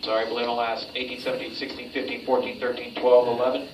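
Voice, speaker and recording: A man's voice: medium pitch, flat delivery, quick pace. A man working as a training instructor, giving a group drill instructions in a directive but informal way. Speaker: military-style hypoxia training instructor. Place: enclosed training chamber. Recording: roomy, distant mic, clear background noise.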